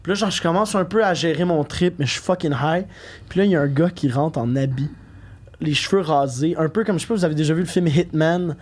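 Animated young Québécois man telling stories. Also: on the high side, fast. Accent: Québécois French. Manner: animated, slangy, full of fillers. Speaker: podcast guest. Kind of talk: casual storytelling chat.

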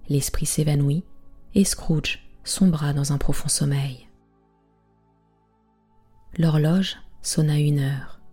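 A woman in whispered bedtime storytelling, reading aloud in a soft, hushed way. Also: sits low, husky.

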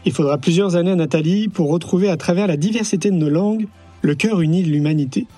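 A man hosting a podcast, reading a measured, scripted introduction over soft music. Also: sits high, slightly rough. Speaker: podcast host.

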